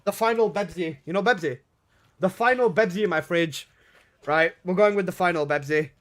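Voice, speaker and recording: A man's voice: high-pitched, moderate pace, fairly bright tone. A young man chatting casually on a gaming livestream, answering his chat in laid-back slang from his room at home. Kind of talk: casual live-stream chat.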